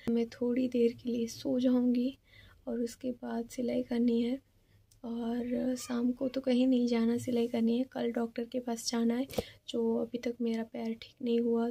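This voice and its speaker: A young woman, talking slowly and softly in a casual vlog, tired and sleepy. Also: a little high, gravelly, husky. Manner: soft-spoken, slow and subdued. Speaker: vlogger.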